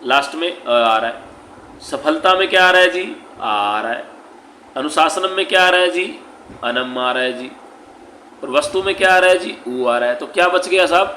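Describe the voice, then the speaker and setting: In an echoey room with faint noise behind him, a Sanskrit teacher goes through an exam paper with his class, classroom-style. His fairly high voice is bright, forceful and expressive, moving at normal speed. He repeats every point patiently, answers questions he raises himself, and addresses the students as "beta".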